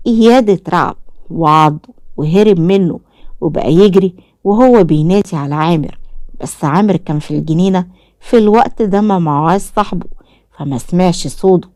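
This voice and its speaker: Egyptian woman telling a story, lowish voice, really dry close sound. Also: darkish tone, dry recording. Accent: Egyptian Arabic. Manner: dramatic storytelling. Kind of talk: scripted narration.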